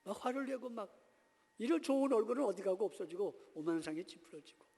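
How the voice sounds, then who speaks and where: A man preaches a Sunday sermon from the pulpit with a notably high voice, his words trailing into a long church-hall reverb. He tells homely stories and acts out small scenes, sinking to quiet, low asides before climbing back to loud, high exhortation. He is from Seoul. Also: animated, brisk. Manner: storytelling preacher acting out little scenes. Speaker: pastor. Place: church sanctuary.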